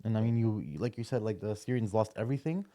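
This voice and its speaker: Young male co-host, low warm voice, easygoing questioner. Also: fast talker. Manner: relaxed, poses questions, fills with "like". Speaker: podcast co-host. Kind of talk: casual podcast discussion.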